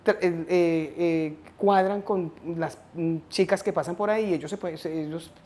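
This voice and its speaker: Halting middle-aged woman recounting memories. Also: on the low side, steady tone, mellow. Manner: hesitant, halting storytelling with restarts. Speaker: interviewee, mother of the host. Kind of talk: family conversation, recounting memories.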